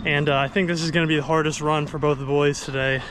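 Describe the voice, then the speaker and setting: A man's voice: fairly high pitch, level tone, fast, noisy background. Chatty upbeat man vlogging outdoors. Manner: chatty, upbeat, talks to his dogs. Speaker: vlogger running with his dogs. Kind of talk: casual vlog narration. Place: outdoors on runs and in a yard.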